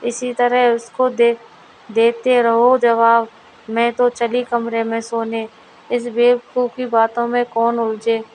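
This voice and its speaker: A stern middle-aged mother-in-law, read by a woman for a storybook. She scolds with exasperation in a high voice that stays flat. The pace is slow. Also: a little hiss or hum, low-quality recording. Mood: scolding. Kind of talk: storybook dialogue reading.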